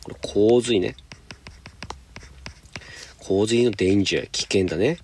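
A man teaching high school English, patiently explaining homework step by step and reading example sentences slowly. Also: a little mellow, slight background noise. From Japan.

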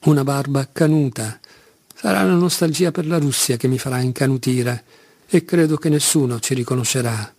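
An impulsive young condemned man torn by shame and longing, as a male reader voices him. The voice is husky and close, recorded dry with no room around it. He pleads and blames himself by turns. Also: mid-range voice, normal speed, a little mellow, no room sound. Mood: scheming. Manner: impulsive, pleading, self-reproaching. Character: condemned young Russian man, passionate, self-loathing.

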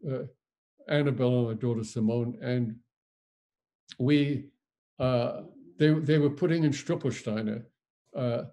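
Slow, halting older man. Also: medium pitch, dark tone. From Germany. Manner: halting, reflective, with many pauses. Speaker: Holocaust survivor speaker. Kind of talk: recounting memories in a lecture.

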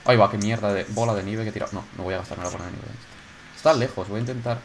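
Excitable gamer narrating his game. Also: fairly low pitch, rapid-fire, slight background noise. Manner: excitable, swears, shouts when startled. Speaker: gaming YouTuber. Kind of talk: casual gameplay commentary.

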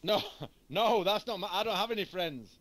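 A man's voice: sits high, normal speed, fairly bright tone. A man playing a civilian in game role-play, talking in an amused, hesitant way over voice chat. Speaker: civilian player.

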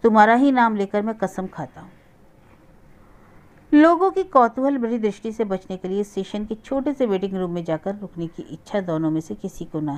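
A woman narrating a novel aloud in a steady, measured storytelling manner. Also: mid-range voice. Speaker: audiobook narrator.

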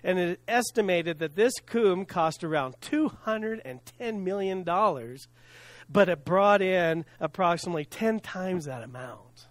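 An earnest middle-aged pastor with a high, expressive voice preaches a sermon from a lectern in a church sanctuary with a stage and screen. He pauses and lets his voice drop softly, laughing at himself when he stumbles on hard words. He's on a stand mic at the lectern, filmed from the back, and there's no room sound.

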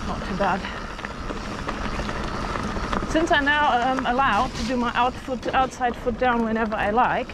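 A woman riding a mountain bike trail outdoors, giving excitable, nervous running commentary into a helmet action camera. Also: fairly high pitch, moderate pace, heavy background noise. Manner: excitable and nervous, frequent exclamations. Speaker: mountain biker filming her ride.

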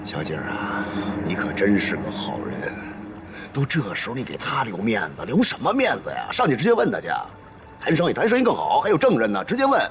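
An actor playing a brash, teasing street hustler who talks in a breezy, lively way. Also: male voice, deep voice, moderate pace. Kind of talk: TV drama acting. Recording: distant mic with loud music score.

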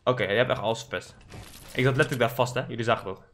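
A young man commentating his own Fortnite match for his channel, excitable and swearing, with English slang mixed in. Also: mid-range voice, very fast, a little hiss or hum. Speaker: gaming YouTuber.

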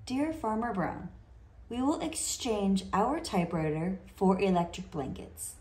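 Woman as slow-talking, stubborn storybook cows. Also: mid-range voice, big pitch swings, dark tone. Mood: formal bargaining. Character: polite but stubborn typing farm cows. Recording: roomy indoor echo.

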